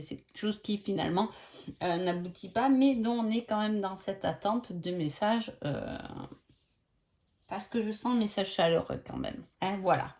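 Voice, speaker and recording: A woman's voice: medium pitch, darkish tone. A woman giving a casual oracle card reading sign by sign, chatty, with many hesitations and tag questions.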